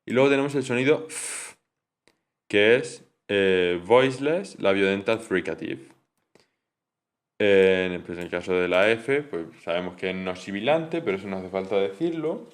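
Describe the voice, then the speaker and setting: A young man with a somewhat low voice talks through his coursework as an informal study explanation. He hesitates often, filling pauses and restarting his sentences, and he drops English technical terms into his speech.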